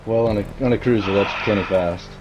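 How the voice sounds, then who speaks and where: A man's voice: fairly low pitch, fairly even intonation, brisk, noisy background. A man chatting casually on a stream, chiming in with short agreements and laughing often. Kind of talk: casual chat.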